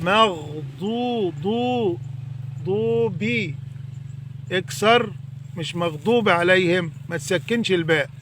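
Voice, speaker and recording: A man with an Egyptian accent teaching correct Quran recitation, stretching out example words slowly and then explaining quickly. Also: high-pitched, noisy background. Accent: Egyptian Arabic. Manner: slow drawn-out demonstration recitation between quick explanations. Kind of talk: tajweed lesson correcting recitation mistakes.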